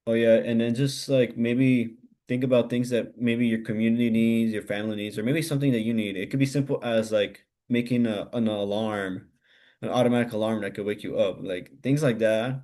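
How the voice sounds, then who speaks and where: A man's voice: medium pitch, fairly even intonation, brisk, warm tone. A man mentoring at a hackathon, talking loosely with lots of filler words. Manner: loose, hesitant, many "like" fillers. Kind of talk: casual advice chat.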